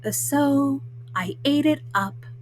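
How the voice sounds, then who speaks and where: A woman voicing a folksy, self-justifying male wolf in a storybook, haltingly, with frequent uhs. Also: high voice, slight background noise. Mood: self-justifying, matter-of-fact. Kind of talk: storybook read-aloud in first person.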